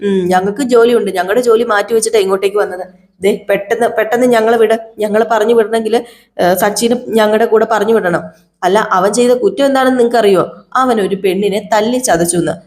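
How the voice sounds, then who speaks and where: A woman's voice: mid-range voice, fairly even intonation, fast, a little mellow, close to an everyday voice. Woman doing stubborn old granny, defiant, scolding the cops. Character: stubborn older grandmother facing police.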